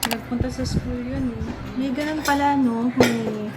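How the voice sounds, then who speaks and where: A woman's voice: a little high, steady tone, unhurried, over loud music. A middle-aged woman with a Filipino accent, hosting a casual family vlog and chatting while switching between Tagalog and English. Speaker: vlog host.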